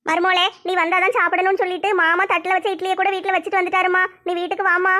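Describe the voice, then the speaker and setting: A woman voicing a mother-in-law who gently coaxes her daughter-in-law to come home. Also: extremely high pitch, level tone, quick pace, voice pushed down. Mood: coaxing. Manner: soothing and persuading.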